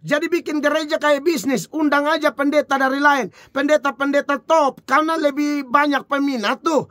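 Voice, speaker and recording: Man, preacher, informal sermon, high voice, dry recording. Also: normal speed, dry recording. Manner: rhetorical questions, chuckling, lively.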